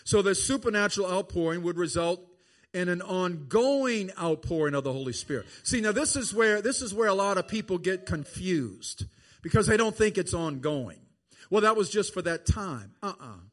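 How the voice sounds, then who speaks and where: A man's voice: sits high, animated, normal speed. A man preaching a sermon, stretching words out for emphasis.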